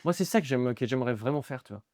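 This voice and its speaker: A man's voice: medium pitch, lively intonation, very fast, darkish tone, no room sound, studio quality. A young man speaking as a guest in a casual interview, hesitant and full of restarts and repeated words. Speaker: guest, aspiring comedian.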